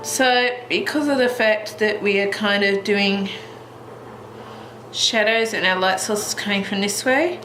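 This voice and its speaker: A young Australian woman hosts a colouring channel from home, sitting in front of a heater, and rambles casually through a tutorial with lots of fillers and restarts. Her medium-pitched voice sounds stuffy and congested, a little slow and a bit bright. The echoey room carries background noise, with faint music behind her.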